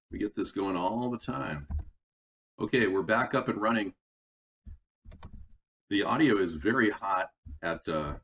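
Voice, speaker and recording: A man's voice: deep voice, fairly bright tone. A man hosting a casual live cooking stream, rambling in a folksy way, recorded on a tinny computer microphone. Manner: rambling, folksy, breaks off to read chat. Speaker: livestream cooking host. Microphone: computer microphone, away from the mouth. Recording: tinny computer mic, distant, background noise.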